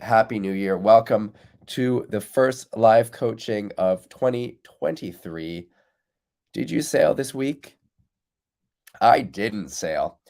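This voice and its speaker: Hosting a live windsurf coaching stream, this man has a lowish, slightly mellow voice and still sounds congested from having lost it. He keeps things casual, reading out comments from viewers and replying to each directly.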